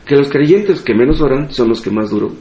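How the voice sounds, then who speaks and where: A man's voice: medium pitch, animated, moderate pace, dark tone, roomy sound. A man with a Mexican Spanish accent preaching a sermon as pastor, asking rhetorical questions and repeating phrases for emphasis. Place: church hall.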